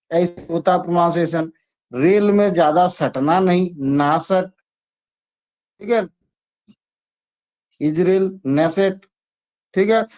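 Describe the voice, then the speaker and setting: A man's voice: sits high, a little mellow. A man teaching an exam-prep lesson, chatty and repetitive as he coaxes students through memory tricks. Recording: dull lo-fi sound.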